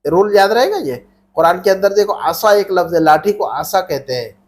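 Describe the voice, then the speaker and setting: High-voiced man drilling Arabic grammar. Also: animated, moderate pace. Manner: patient, repeats questions and prompts students to answer back. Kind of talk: classroom grammar lesson with call-and-response drilling.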